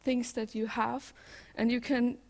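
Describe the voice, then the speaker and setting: A woman's voice: a little high, flat delivery, a little slow, darkish tone. A woman from Switzerland with a Swiss German accent, giving an informal tech talk as a conference speaker.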